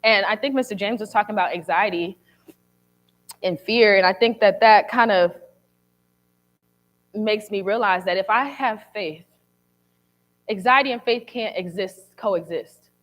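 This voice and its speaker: A woman's voice: mid-range voice, a little slow, pauses often. A young woman speaking candidly and conversationally to a church congregation, sharing a personal testimony with casual slang.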